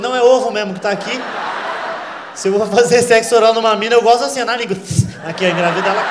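A man in his thirties performs stand-up on a comedy club stage, telling a story with an animated high voice, acting out quoted voices and swearing in crude slang. The live club sound is echoey, noisy, and full of laughter.

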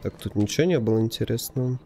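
A man's voice: mid-range voice, fast talker, warm tone, faint music behind. A man giving casual gameplay commentary, talking to himself informally and reading item names aloud. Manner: informal, mild swearing. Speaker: gamer narrating own playthrough.

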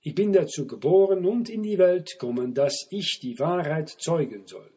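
A man voicing Jesus in a scripture reading, speaking slowly and quietly. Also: a little high, animated, breathy edge. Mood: solemn.

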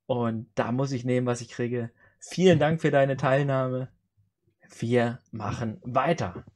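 A man's voice: medium pitch, a little slow, darkish tone. A man hosting a joke challenge on a video call, reading out short jokes and acting out their dialogue. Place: indoor room on a video call.

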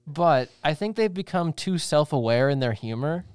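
A young man co-hosts a casual podcast, rambling and circling back to restart his sentences. His voice is smooth and clear. It sits close on the mic in a dead, dry room. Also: on the high side, animated, normal speed, darkish tone, dry recording. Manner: rambling, self-interrupting, restarts. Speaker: podcast co-host. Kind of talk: casual chat.

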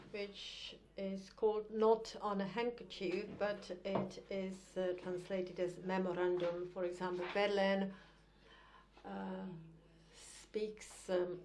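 A woman's voice: medium pitch, darkish tone, slight background noise. A woman introducing a poem with hesitant fillers, then reading it aloud carefully. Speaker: poetry reader.

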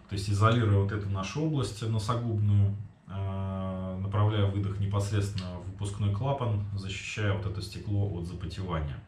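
Low-voiced man in an echoey room. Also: a little mellow. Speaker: product reviewer. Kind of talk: casual explanatory product review. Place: small home kitchen, indoors. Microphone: camera across the table. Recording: roomy echo, distant mic, faint noise.

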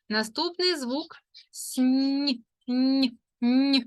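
A woman teaching a literacy lesson to young children, speaking slowly and carefully, drawing out sounds and reciting little rhymes in a sing-song way. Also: on the high side, sharp tone. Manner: sing-song rhyming greetings, drawn-out sounds and syllables. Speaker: primary school teacher.

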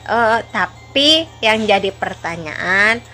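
Slow-talking giggly woman. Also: mid-range voice, expressive, pushed and bright, faint music behind. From Java. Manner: giggly, self-mocking, laughs often between phrases. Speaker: vlogger. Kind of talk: casual storytelling vlog.

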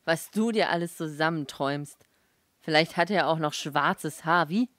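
A woman's voice: sits low, moderate pace, a bit bright, no echo, clean studio sound. A woman voicing an irritable, dismissive Martian husband who answers curtly and scoffs at his wife. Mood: scoffing. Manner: curt, scoffing.

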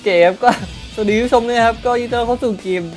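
A man's voice: very high voice, flat delivery, very fast, faint music behind. A young man hosting a let's play, casually joking and bantering crudely while he reads the game's dialogue aloud. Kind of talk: casual game commentary.

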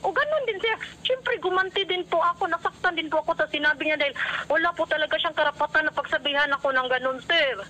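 A woman's voice: high-pitched, quick pace, bright, forceful tone, slight background noise. An older woman answering on a phone call, defensive and emphatic, repeatedly addressing the host. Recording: tinny phone line.

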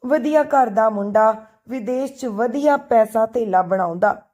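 A woman's voice: on the high side, unhurried, a little mellow, natural voice. A woman voicing a middle-aged mother who is firm and worried about her daughter's marriage, in a told storybook.

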